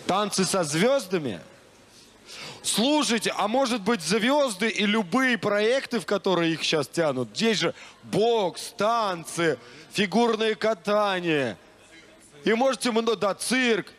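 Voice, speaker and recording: A young man hosting a TV comedy show on a studio stage with a handheld mic, bantering quickly and ironically. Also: high voice, lively intonation, fairly bright tone. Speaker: host. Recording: studio crowd behind.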